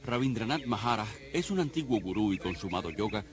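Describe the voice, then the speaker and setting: A man narrating a documentary in a measured, solemn scripted voice-over. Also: on the low side, expressive. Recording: studio voice-over over loud music.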